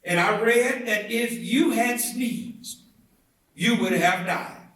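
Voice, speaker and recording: Heard far from the mic in an echoey indoor theatre, a man reads a historic civil rights speech at a commemorative event. His high-pitched voice has a fairly bright tone, and his delivery is dramatic and oratorical, with measured, deliberate phrasing that builds into emphatic swells.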